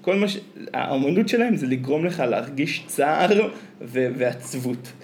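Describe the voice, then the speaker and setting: A man's voice: fairly high pitch, expressive, darkish tone. A man with an Israeli accent in casual conversation as a podcast co-host. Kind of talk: casual chat. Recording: faint ambient background noise.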